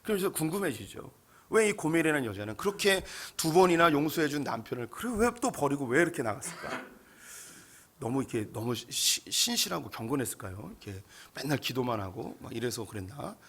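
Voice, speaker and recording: A male pastor preaching a sermon, telling the story in a lively, candid way. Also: mid-range voice.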